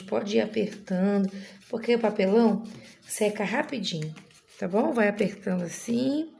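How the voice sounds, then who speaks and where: Woman teacher for a kids' video lesson; slow, patient, sing-song delivery. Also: on the high side, creaky, a little mellow. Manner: sing-song, coaxing teacher talk to small children. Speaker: inclusion teacher of first graders. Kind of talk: video lesson for young children.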